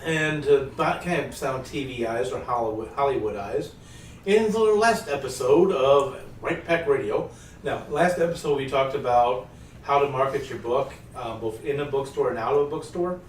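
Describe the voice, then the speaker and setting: A man's voice: medium pitch, moderate pace. A man hosts a casual panel chat around a table, rambling and catching his own slips. His voice sits back from the mic in an echoey room, with a faint hum of ambience behind. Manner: loose, rambling, self-correcting. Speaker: podcast host and producer. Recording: roomy room sound, distant mic.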